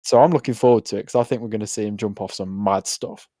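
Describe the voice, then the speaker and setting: This podcast co-host speaks fast in a lowish, dark-toned voice, with clean studio sound and no echo. The casual recap chat is enthusiastic, full of jokes and frequent laughter.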